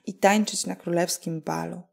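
A woman's voice: fairly low pitch, fairly even intonation, normal speed, gravelly. A woman voicing young Cinderella, a girl sighing wistfully for a royal ball, in a bedtime storybook reading.

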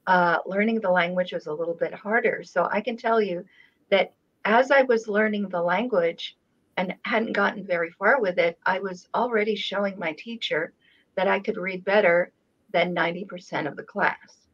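A channel host who grew up in Israel, a native Hebrew speaker, leads a relaxed video call chat from a home room with a framed painting. Her mid-range voice moves slowly, with many pauses and fillers. The webcam audio is dull and lo-fi.

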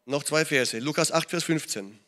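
A middle-aged German man preaches in a church, pitched a little high for a man. His delivery is animated, and he checks in with his listeners again and again. The sermon has a lively, conversational pull. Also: normal speed. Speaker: pastor. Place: church hall.

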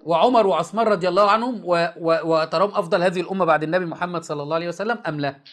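A man's voice: high voice, racing. A man with an Egyptian accent hosting a call-in debate show, pressing and interrupting his caller in an insistent, teasing way. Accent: Egyptian Arabic.

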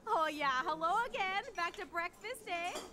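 A woman's voice: very high voice, expressive, moderate pace, bright, forceful tone, a little hiss or hum, exaggerated voice. An actress voicing a chipper Canadian woman at a diner in a video game, sing-song and cheerful. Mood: cheery.

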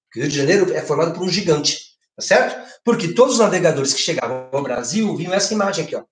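A man's voice: fairly high pitch, fast, reverberant, music in the background. A middle-aged man with a Brazilian Portuguese accent teaching an online literature lesson from home. He talks animatedly, gestures as he goes and keeps checking in with tag questions. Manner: lively, gesturing, asks frequent tag questions. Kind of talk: online exam-prep lesson. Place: home living room with a projected screen.

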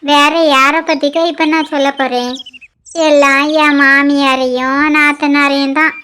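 A woman voicing a weary young wife in a cartoon who complains about her in-laws in a slow, low, sighing grumble. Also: level tone, pushed and bright, a little hiss or hum. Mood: self-pitying. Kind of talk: cartoon voice acting.

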